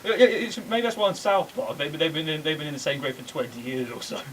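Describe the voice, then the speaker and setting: A young man chatting casually beside a friend's gameplay, telling stories in a halting way with many restarts. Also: on the high side, distant mic, slight background noise, rough recording. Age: young adult. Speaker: co-host. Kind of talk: casual chat over gameplay.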